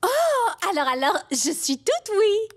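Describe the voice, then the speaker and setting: A woman's voice: very high-pitched, very animated, heavily acted. A woman voicing an eager, friendly new girl who talks earnestly, in a French cartoon dub. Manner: bubbly, earnest, slow and careful. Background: cartoon music.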